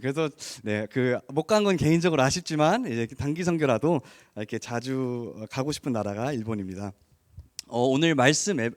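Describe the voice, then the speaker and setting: A man's voice: mid-range voice, no room sound. A man preaching a sermon in an informal, explanatory way, sprinkling English words into his talk. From Korean raised abroad. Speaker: preacher, associate pastor of an English-language congregation.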